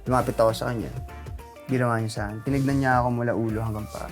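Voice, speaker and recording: A young adult man, an actor and interview guest, telling a personal story in an animated way, laughing often and acting out the voices in it. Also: medium pitch, very fast, soft background music.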